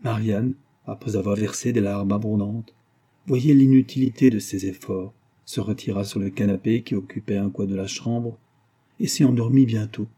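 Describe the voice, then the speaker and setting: A man narrating a classic novel aloud in a measured, steady reading. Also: lowish voice, breathy edge. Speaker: audiobook narrator. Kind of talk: scripted narration.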